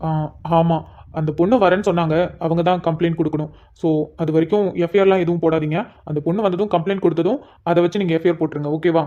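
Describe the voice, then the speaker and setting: A woman's voice: fairly low pitch, fairly even intonation, fast talker, mellow, voice pushed down, close to an everyday voice. Woman voicing a mocking cop. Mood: commanding. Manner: teasing, mocking banter. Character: male police officer, mocking and self-assured. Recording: dull lo-fi audio.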